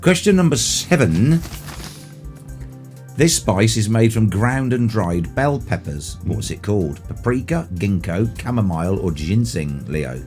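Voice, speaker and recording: A man's voice: on the low side, lively intonation, a little slow, darkish tone, soft background music. Jokey man reading a quiz. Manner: jokey, reads questions with playful asides. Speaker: radio show co-host, quiz master. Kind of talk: casual chat, reading out a quiz.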